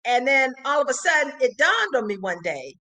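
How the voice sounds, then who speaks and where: A woman's voice: sits high, very animated, moderate pace, pushed and bright. An older woman, a psychologist, giving earnest advice as a podcast guest, stressing and repeating her key points. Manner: earnest, emphatic, repeats key phrases like a preacher. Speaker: psychologist and radio host, interview guest.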